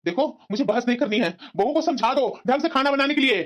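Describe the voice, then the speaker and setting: A woman voicing a stern cartoon father, gruff and fast. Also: high-pitched, a little hiss or hum, lightly acted. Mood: scolding. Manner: gruff, scolding. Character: stern middle-aged father who spoils his daughter. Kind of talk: cartoon voice acting. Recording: muffled lo-fi.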